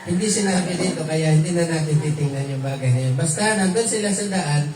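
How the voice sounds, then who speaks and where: A man's voice: a little high, fairly quick. A man teaching a verse-by-verse Bible study, quizzing his listeners with light laughs and mixing in English phrases. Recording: echoey room, mic far off, noisy.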